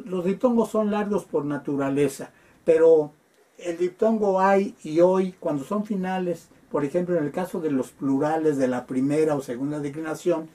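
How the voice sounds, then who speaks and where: A man lecturing on Greek grammar, patiently spelling out word forms with frequent hesitant pauses. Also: high voice, dark tone. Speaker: Greek teacher.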